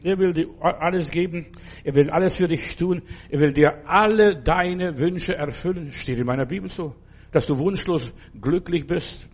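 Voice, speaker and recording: A man preaching a sermon, urging his listeners with many repeated phrases and acting out prayers in a hushed voice. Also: a little high, normal speed, breathy edge. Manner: exhorting, repetitive, acts out prayers in hushed tones.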